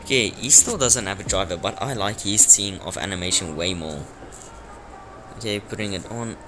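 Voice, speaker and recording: Loud game music and background noise accompany the voice-over of a young Afrikaans-speaking YouTuber. He rambles casually through his gameplay in a lowish voice at normal speed, using lots of fillers.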